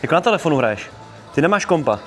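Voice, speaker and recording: A man's voice: fairly high pitch, very animated, fairly bright tone, faint music behind. A young man with a Czech accent streaming live in a shopping mall, joking around with fans in slangy, upbeat casual talk. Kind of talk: casual IRL livestream chat with fans. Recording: crowd and noise of a busy mall.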